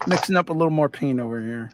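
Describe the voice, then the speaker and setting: A man hosting a casual livestream about model railroading, talking in a relaxed, rambling way with plenty of fillers while he paints. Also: fairly high pitch, quick pace, noisy background. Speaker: model railroad hobbyist host.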